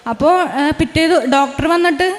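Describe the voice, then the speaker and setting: A young woman with a very high voice gives an earnest religious testimony, retelling what happened and often breaking off to restart a sentence. Her words ring out with a long reverb, as in a large church hall. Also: fairly quick. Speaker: testimony giver.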